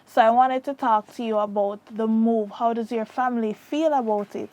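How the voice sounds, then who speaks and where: A woman's voice: a little high, fairly even intonation, normal speed, mellow. A woman interviewer asking short, direct questions.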